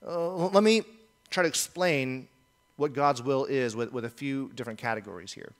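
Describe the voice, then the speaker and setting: A man's voice: medium pitch, moderate pace. A male pastor preaching a sermon in an earnest, emphatic way, often repeating key phrases.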